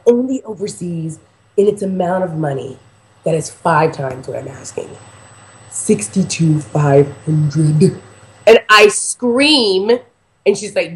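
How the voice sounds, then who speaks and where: Animated woman telling a story. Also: on the low side. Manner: animated, emphatic, heavy use of "like". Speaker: guest telling her story. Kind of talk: excited personal storytelling.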